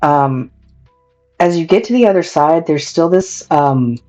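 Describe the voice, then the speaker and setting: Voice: medium pitch, lively intonation, measured pace, darkish tone. A game master casually and hesitantly narrating a tabletop role-playing game. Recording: dull lo-fi audio, faint music behind.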